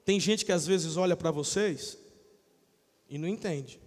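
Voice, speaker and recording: High-voiced pastor preaching in a reverberant church. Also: male voice, measured pace, soft background music. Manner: animated preaching, swinging from soft asides to loud shouted peaks. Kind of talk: sermon. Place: church sanctuary. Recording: long church-hall reverb.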